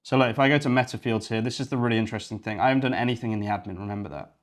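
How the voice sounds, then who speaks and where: This is a young man from Yorkshire, England, racing along in a lowish voice. He's hosting a coding livestream, chatting casually and thinking aloud in a rambling way as he clicks around.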